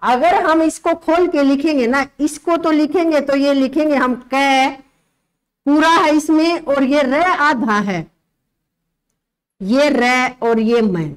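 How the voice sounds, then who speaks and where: A woman teaching a grammar lesson for exam prep, with a slight tinge, explaining slowly and repeating key words for her students. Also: high-pitched, low-quality recording.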